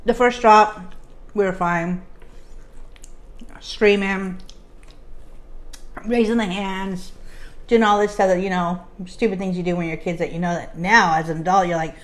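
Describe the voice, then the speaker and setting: A woman's voice: mid-range voice, fairly even intonation, unhurried, long pauses. A woman vlogger telling casual stories while eating, chatty, with frequent "like" fillers. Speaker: mukbang vlogger.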